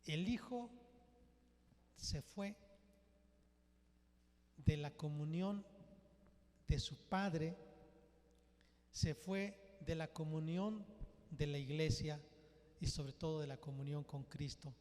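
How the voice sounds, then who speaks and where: High-voiced male preacher, slow deliberate delivery, church hall reverb. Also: a little mellow. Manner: storytelling with quoted dialogue, unhurried. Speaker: pastor. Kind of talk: sermon.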